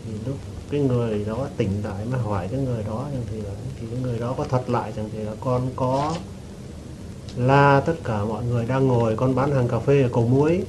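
A man respectfully telling his teacher a story he witnessed, in a hesitant, halting way, with frequent restarts and throat-clearing. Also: mid-range voice, steady tone. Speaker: devotee giving testimony. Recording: noisy recording with rain behind.

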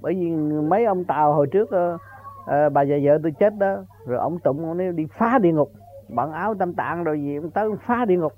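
Older guy rambling thru a spiritual talk, highish voice, chuckles, repeats himself, tinny phone sound. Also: fast talker, slight background noise. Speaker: spiritual teacher. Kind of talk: informal Buddhist teaching talk.

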